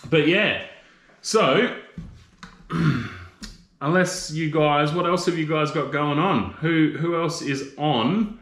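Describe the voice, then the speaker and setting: A man's voice: a little high, takes it slowly, long pauses, fairly bright tone. Laid-back Australian man, roomy echo. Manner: laid-back and rambling, teasing viewers with slang like mate and bro. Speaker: livestream host. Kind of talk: casual live chat with viewers.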